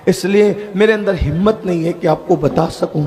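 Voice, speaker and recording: A man's voice: sits high, warm tone, lightly acted. A man preacher voicing a remorseful young male sinner who pleads and repeats his confessions. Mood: pleading remorse.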